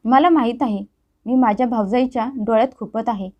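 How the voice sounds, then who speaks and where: A woman's voice: on the high side, fairly quick, natural voice. A woman voicing a scheming sister who talks in a defensive, self-pitying way, in a story reading with a dull sound.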